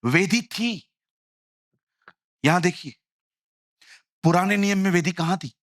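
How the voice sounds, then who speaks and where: Guy preaching, high bright voice, dry close sound, acts out stories. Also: slow, no echo. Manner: animated storytelling, acts out quoted voices, jokey asides. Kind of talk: lively Hindi sermon mixed with English phrases.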